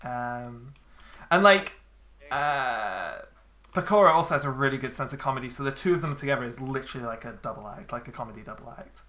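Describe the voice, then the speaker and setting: A woman streaming a game, chatting casually with a friend, swearing freely and filling pauses with ums. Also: extremely low pitch, lively intonation, fairly bright tone. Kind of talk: casual chat while gaming.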